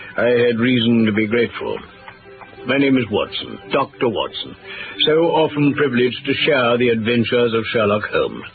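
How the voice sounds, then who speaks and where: A man playing a genteel British doctor who narrates his detective friend's adventures in a measured, literary radio-drama style. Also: mid-range voice. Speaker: narrator and supporting actor. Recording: tinny vintage radio recording, music behind.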